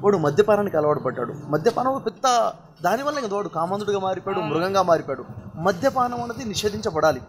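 Fast-talking preachy motivational man. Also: sits high, animated, over music. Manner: preachy, rhetorical questions. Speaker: motivational speaker. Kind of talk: earnest motivational talk.

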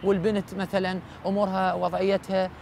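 Iraqi male cleric as interview guest, quick but halting, high-set voice, clear traffic noise behind. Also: completely flat delivery, darkish tone. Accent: Iraqi Arabic. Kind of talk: reflective interview talk. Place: outdoors at night in a city park.

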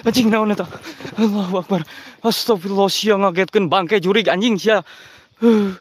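High-pitched sundanese guy doing a ghost hunt vlog out in the woods at night, jumpy and jokey, cursing and praying. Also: normal speed, slightly rough. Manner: excitable, jokey, swears and prays when startled. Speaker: ghost-hunting vlogger.

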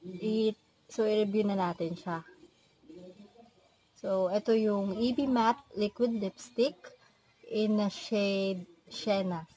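Hoarse Filipino woman, quiet review. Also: medium pitch, steady tone, slow pace, pauses often. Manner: speaks softly, holding her voice back. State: hoarse, voice partly lost. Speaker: beauty vlogger. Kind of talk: casual makeup review. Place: her bedroom in a family house. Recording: noisy home room with TV behind. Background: TV and relatives' noise from nearby rooms.

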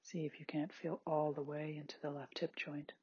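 A meditation guide of ambiguous sex leads a soothing body scan in a very husky, breathy voice that sometimes drops to a near-whisper. The voice is mid-range with little pitch movement, delivered gently and unhurriedly in short, spaced phrases, and the audio sounds dull.

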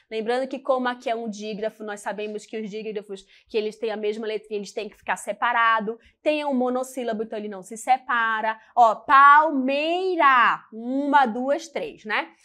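A woman's voice: on the high side, fairly even intonation, brisk, few pauses. A woman teacher with a Brazilian accent giving a classroom lesson, patiently counting things out and checking in with her students through frequent tag questions.

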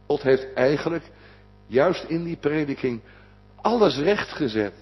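Pastor guy, husky voice, goes loud then whispery, muffled lo-fi church recording. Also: fairly high pitch, big pitch swings, a little slow, soft background music. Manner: preaching with sudden swings from loud urging to hushed whisper. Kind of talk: sermon. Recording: dull lo-fi recording with long church reverb.

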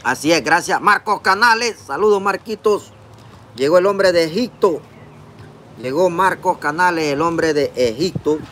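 A Honduran-accented man in his forties sits at a park table eating outdoors, reading his livestream chat and greeting viewers by name in a casual tone. Recorded close on a phone camera, his fairly high, fairly bright voice moves at a measured pace, with a little hiss or hum.

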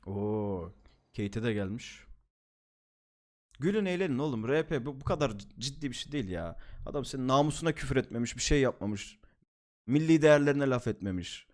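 A man's voice: mid-range voice, expressive, brisk. A young man streaming from home, chatting casually at his desk mic, laughing, swearing and joking as he reacts to videos.

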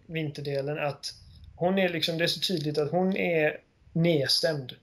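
A man co-hosting a casual game podcast, retelling scenes with animated storytelling. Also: a little high. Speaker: podcast co-host. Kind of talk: casual chat.

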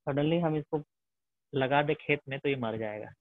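A man's voice: mid-range voice, moderate pace, dry recording. Guy teaching a class, keeps asking "right?", tinny dry sound. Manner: mixes English terms into Hindi, repeats tag questions. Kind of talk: classroom lecture.

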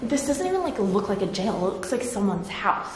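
A young woman, nervous and hushed, chatting while exploring an abandoned building. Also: mid-range voice, big pitch swings, a little fast, slight background noise. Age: young adult. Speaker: vlogger's girlfriend. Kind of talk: casual chat on a vlog. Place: inside an abandoned concrete building. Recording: echoey bare-walled room.

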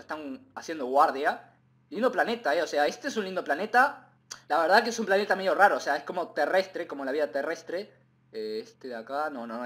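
A man giving excitable, rambling gameplay commentary, repeating himself and bursting into shouts. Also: a little high. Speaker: gaming video creator.

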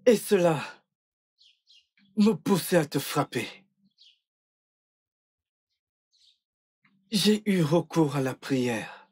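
A man dubbing a film role as a remorseful but hot-tempered husband who pleads and then shouts threats. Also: on the high side, animated, slow pace, slightly rough, exaggerated voice. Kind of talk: dubbed film acting.

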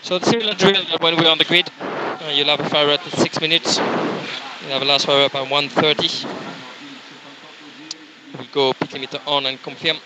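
Over a race car's onboard radio, a male race engineer calmly repeats his instructions at a normal pace. His voice is slightly high with fairly even intonation. Picked up by a radio headset, the filtered audio carries noise, clicks and the sound of the car.

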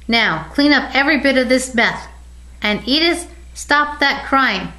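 A woman's voice: medium pitch, animated, fairly bright tone, a little hiss or hum, lightly acted. Mister Bear, a stern fatherly bear, voiced by a woman. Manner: stern and measured.

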